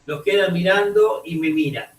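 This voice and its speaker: A male teacher lecturing a class, halting and restarting often and checking in with "ok?" as he goes. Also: high voice. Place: echoey classroom. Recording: roomy classroom audio, mic far off.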